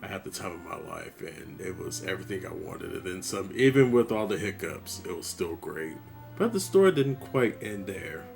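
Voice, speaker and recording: Gravelly low-voiced man telling a story. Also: big pitch swings, moderate pace, darkish tone, soft background music. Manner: laid-back, conversational storytelling. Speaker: gaming vlogger. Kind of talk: storytelling monologue.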